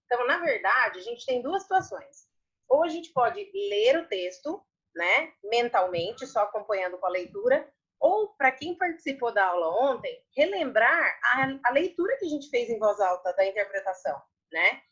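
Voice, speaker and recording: A woman's voice: on the high side, big pitch swings, moderate pace, fairly bright tone, lo-fi sound. Patient Brazilian woman teacher. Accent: Brazilian Portuguese. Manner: patient, repeats words, many tag questions. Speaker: primary school Portuguese teacher. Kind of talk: online class explanation.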